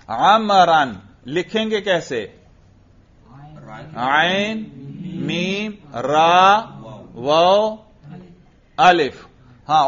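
A man teaching an Arabic grammar lesson in Urdu, quizzing his students and slowly reciting example sentences. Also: a little high, fairly bright tone. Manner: drills students with questions, slow emphatic recitation of examples. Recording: dull lo-fi recording.

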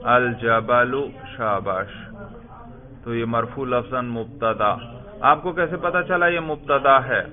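Male grammar teacher who quizzes and repeats answers, thin phone-like sound. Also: medium pitch. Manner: questioning, repeats student answers, praises. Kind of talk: classroom grammar lesson. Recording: tinny phone-like lo-fi audio.

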